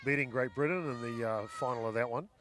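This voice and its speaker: A man giving live play-by-play commentary at a softball game, chatting with his co-commentator between plays and getting loud on big hits. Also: medium pitch, fast. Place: outdoor ballpark.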